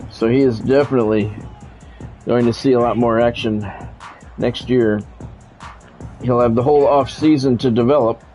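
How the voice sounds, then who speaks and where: Faint music plays behind a man calling a football video game live, his mid-range voice steady and mellow at a normal speed with frequent pauses. He breaks up the play-by-play with blunt, salty, chatty asides, so the clip blends sports commentary with casual conversation.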